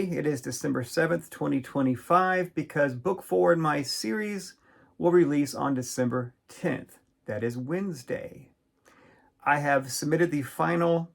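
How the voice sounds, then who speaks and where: A middle-aged man, an author, talking casually and unscripted to camera, earnest and measured, with many fillers and halting restarts. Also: fairly high pitch, gravelly.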